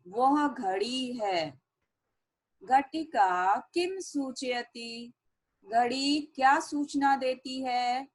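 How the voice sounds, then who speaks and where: Slow, patient woman teacher. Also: high-pitched, low-quality recording. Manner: slow, repeats each sentence in Sanskrit then Hindi. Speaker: Sanskrit teacher. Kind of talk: classroom lesson explanation.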